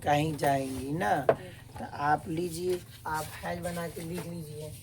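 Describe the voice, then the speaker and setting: A woman teacher dictating a lesson to a class slowly, repeating each phrase and adding stern asides. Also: deep voice, fairly even intonation, background noise. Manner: slow repetitive dictation, scolding asides.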